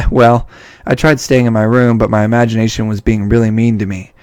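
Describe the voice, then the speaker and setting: A man reading game dialogue aloud, voicing a cheerful but fragile teenage girl with a raised, soft girlish voice. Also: lowish voice, fairly even intonation, normal speed, dry recording, lightly acted. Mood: sweet.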